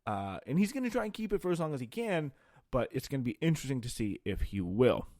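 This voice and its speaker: A man reading news aloud and adding off-the-cuff political commentary in an informal, halting way. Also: mid-range voice, very animated, a little mellow, no echo, studio quality.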